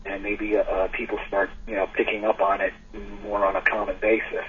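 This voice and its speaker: A man calling in to a panel, speaking tentatively with frequent pauses and ums. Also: fairly low pitch, level tone. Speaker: panel caller. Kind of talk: casual call-in discussion. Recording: tinny phone line.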